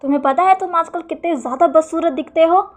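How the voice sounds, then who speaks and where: A woman's voice: extremely high pitch, fast talker, voice pushed up. A woman voicing a cheeky, hungry young boy who whines and teases. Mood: teasing.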